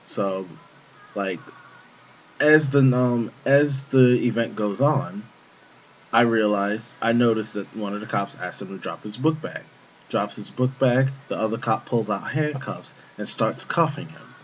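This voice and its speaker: Young guy kinda low voice, just chatting a long storytime, rambly, does little quotes of people. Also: unhurried, a little hiss or hum, rough recording. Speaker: vlogger telling a work story. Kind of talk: casual storytime.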